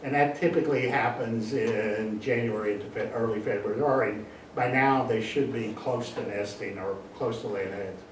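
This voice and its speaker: An older man giving a casual public talk about birds, chatty and animated, sometimes acting out bird calls. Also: on the low side, normal speed. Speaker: guest speaker on birds. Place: library meeting room. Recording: echoey room, distant mic, faint hiss.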